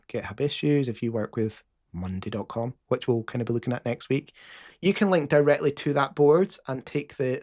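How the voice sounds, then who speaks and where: A man's voice: mid-range voice, darkish tone. A man with a Scottish accent casually explaining a live coding session as host, with frequent fillers and restarts.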